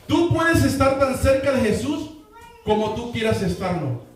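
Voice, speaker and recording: A male pastor with a very high-pitched voice preaches a sermon, driving his points home by repeating them and calling for responses from the congregation. His voice comes from well away from the microphone and rings through a strongly echoing church hall. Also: very animated, a little slow. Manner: repeats key lines and calls for congregation responses. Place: church sanctuary. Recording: echoey hall, voice from far off the mic.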